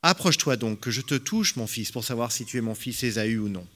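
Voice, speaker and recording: A man voicing an old blind father in a scripture reading, speaking in a measured, solemn way. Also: mid-range voice, lively intonation, fairly bright tone, lightly acted.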